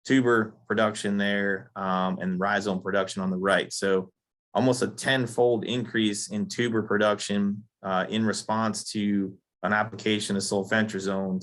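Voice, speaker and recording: A man giving a technical lecture on weed control, losing his voice and often clearing his throat, halting with fillers. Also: on the low side, fairly bright tone. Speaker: turf science presenter.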